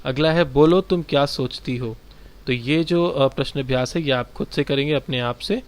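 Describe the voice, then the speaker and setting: Guy teacher going thru workbook answers for kids, slow patient explaining, talks right to the class. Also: medium pitch. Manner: explains slowly, addresses children directly. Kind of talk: textbook exercise lesson for children.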